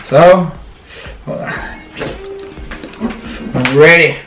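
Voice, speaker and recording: A man's voice: fairly high pitch, drawn-out words. A man hosting a challenge vlog with casual, goading banter. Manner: cocky, goading. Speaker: host of an eating challenge video. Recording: echoey room with music.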